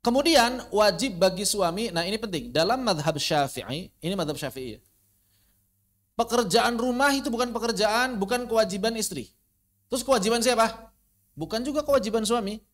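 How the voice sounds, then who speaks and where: A man teaching an informal religious lesson online, asking rhetorical questions and swinging between quiet asides and animated emphasis. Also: high voice. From Indonesia. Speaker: Islamic studies teacher. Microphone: online class recording.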